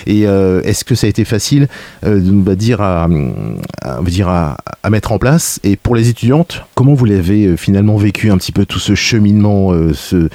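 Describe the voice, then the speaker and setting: A male radio host speaking from a studio, his voice low and mellow. He asks long questions full of restarts. The sound is close and dry. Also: expressive, moderate pace, dry recording. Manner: hesitant, long rambling questions. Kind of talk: radio interview.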